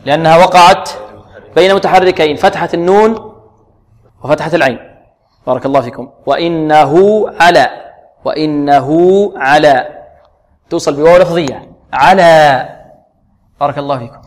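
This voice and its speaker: A man teaching Quran recitation who asks the class questions, answers them himself, and repeats words slowly for practice. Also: on the high side, long reverb tail.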